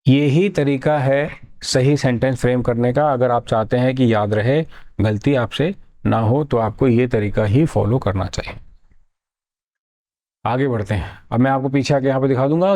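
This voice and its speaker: A man teaching a grammar lesson for exam preparation, explaining slowly, repeating words and acting out his students' questions. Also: mid-range voice, warm tone. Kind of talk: exam-prep grammar lecture.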